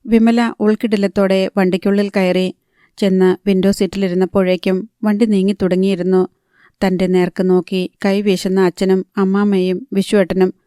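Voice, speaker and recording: Mellow, even-voiced woman narrator. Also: mid-range voice, smooth, no echo, clean studio sound. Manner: measured, steady reading. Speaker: audiobook narrator. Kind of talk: scripted narration.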